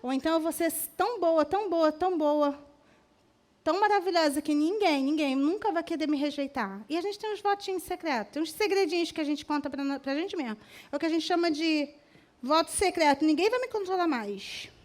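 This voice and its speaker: A woman pastor from Brazil preaching a sermon to a women's congregation, acting out quoted voices in an animated way. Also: high voice, brisk.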